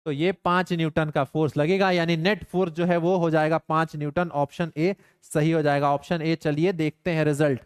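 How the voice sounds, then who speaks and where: A man's voice: on the high side, steady tone, normal speed, few pauses, clear, resonant tone, dry recording, clean studio sound. A young man teaching physics in a live online class, mixing stern banter with his students into worked problems. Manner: playful, scolding students in banter.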